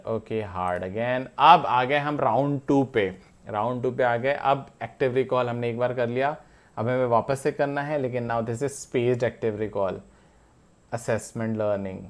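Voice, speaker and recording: Slow, self-talking young Indian man. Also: mid-range voice. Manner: thinking aloud, repeating terms slowly to memorize. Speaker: student studying for a medical entrance exam. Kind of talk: casual study session narration.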